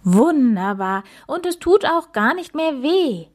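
A woman voicing a big, hairy, gentle male forest creature in a children's story. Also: mid-range voice, expressive, a little slow. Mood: overjoyed. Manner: whiny, then gleeful and solemn.

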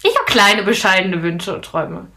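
A woman's voice: medium pitch, very animated, moderate pace, bright, forceful tone. A young woman co-hosting a podcast, chatting casually and bluntly, often laughing. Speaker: podcast co-host. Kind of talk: casual chat.

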